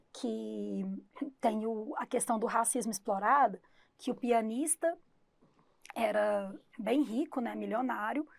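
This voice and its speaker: A woman's voice: on the high side, vocal fry, a little mellow, no echo. A woman English teacher, giving an exam-prep class and explaining through rhetorical questions and retold examples.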